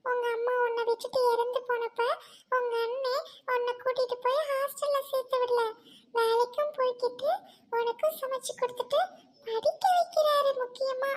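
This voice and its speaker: A woman doing a stern friend lecturing slowly. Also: very high voice, fairly even intonation. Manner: lecturing, slow and firm.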